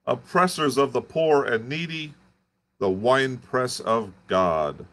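A man's voice: mid-range voice, slow, a bit bright, pitched above the performer's own voice. A man voicing a half-mad male curate who rants and wails like a preacher. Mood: lamenting. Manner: fervent wailing sermon-like raving.

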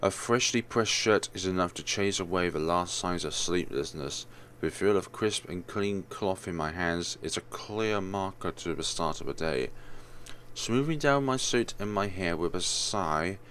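A man's voice: deep voice, animated, unhurried, a bit bright, a little hiss or hum, heavily acted. A man voicing a fussy, vain, sardonic rich man from a visual novel in a theatrical, pompous grumble. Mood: wry, self-pitying.

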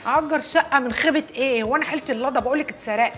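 A wronged Egyptian maid. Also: female voice, high voice, rapid-fire, a bit bright, faint music behind. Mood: glum. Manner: wailing curses when distraught. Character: wronged young working woman, betrayed. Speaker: maid in a TV drama. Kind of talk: Egyptian TV series acting.

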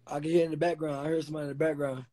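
A man's voice: on the high side, little pitch movement, rapid-fire, warm tone. A man hosting a livestream on his phone, talking bluntly and teasing callers with plenty of profanity. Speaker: livestream host. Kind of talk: casual livestream chat.

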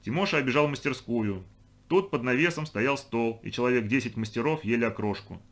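Guy reading a kids story out loud, lively and expressive, voice sits in the middle range. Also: medium pitch, a little fast. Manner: expressive reading, lifts his voice for the children's lines. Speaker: audiobook reader. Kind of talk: scripted narration.

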